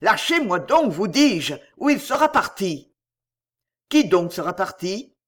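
A man reading aloud, voicing a hot-headed young Roman man shouting in fury. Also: sits high, very animated, a little slow, exaggerated voice. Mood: furious. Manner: loud, cursing.

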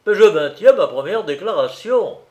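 A man's voice: on the high side, expressive, normal speed, voice pushed up, lightly acted. A stubborn middle-aged bank manager, put on by a man reading aloud repeats his testimony with energy. The voice is firm and slightly raised. A courtroom scene in a storybook. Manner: firm emphatic insistence.

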